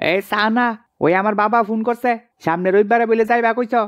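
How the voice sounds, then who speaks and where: Man voicing a village wife, high-pitched, loud, pushy, insistent. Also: a little fast, close to an everyday voice. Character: village wife, woman, nagging and demanding.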